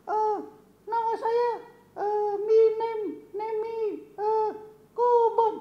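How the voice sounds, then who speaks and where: Kobon, a squeaky puppet kid. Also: little pitch movement, muffled recording, exaggerated voice. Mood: confused. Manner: squeaky, halting, childlike. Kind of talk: children's church puppet act.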